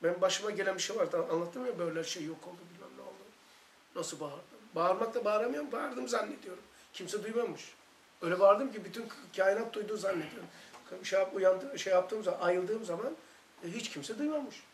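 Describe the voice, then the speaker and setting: Fervent high-voiced man teaching in echoey room. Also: brisk, a little hiss or hum. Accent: Turkish. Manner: fervent, emphatic, storytelling. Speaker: religious study teacher. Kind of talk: religious study circle talk.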